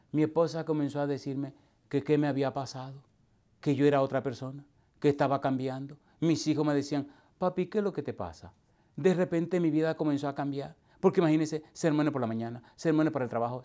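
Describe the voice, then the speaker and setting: A man preaching in a humorous storytelling style. He repeats words for rhythm, often chuckles, and drops to a hushed voice when he tells what someone said. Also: fairly high pitch. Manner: animated, repetitive, drops to a hushed voice for quoted dialogue.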